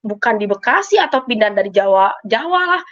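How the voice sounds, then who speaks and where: Woman w slang telling her faith testimony, kinda high voice, emotional and repetitive, muffled audio. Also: big pitch swings, a little fast, fairly bright tone. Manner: emotional, colloquial, repetitive storytelling. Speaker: testimony giver. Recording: muffled lo-fi sound.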